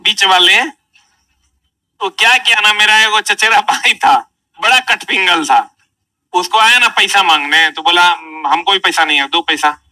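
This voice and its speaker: A male teacher with a Bihari Hindi accent and a high, bright, forceful voice gives a chatty classroom lecture, quizzing his students as he goes. He is recorded from a distance, and the audio is rough.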